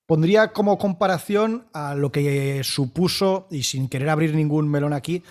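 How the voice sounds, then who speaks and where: A man argues his point with emphatic enthusiasm. His voice sits a little high, and he often circles back to repeat his words. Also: normal speed, darkish tone. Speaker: panelist. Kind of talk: casual music debate.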